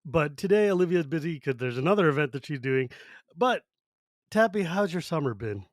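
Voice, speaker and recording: A man with a slightly high voice and a fairly dry, close sound. He hosts a podcast in a casual, wry way, chatting and interrupting himself as he goes. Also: animated, fairly quick, no echo. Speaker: podcast host. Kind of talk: casual chat.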